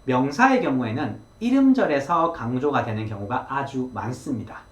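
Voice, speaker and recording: A man's voice: mid-range voice, animated, moderate pace. A man teaching English pronunciation in a lesson, explaining step by step in an encouraging way and modeling words aloud. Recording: echoey room.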